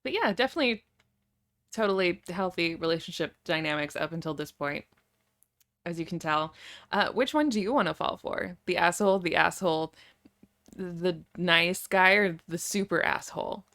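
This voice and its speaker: A woman's voice: fairly low pitch, moderate pace, fairly bright tone. A young woman YouTuber reading a story aloud, with wry, sarcastic asides.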